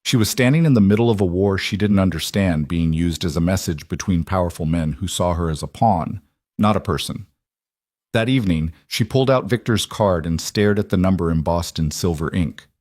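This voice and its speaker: A man narrates a romance story at a measured, even pace. His voice sits low and the recording is dry and close. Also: no room sound.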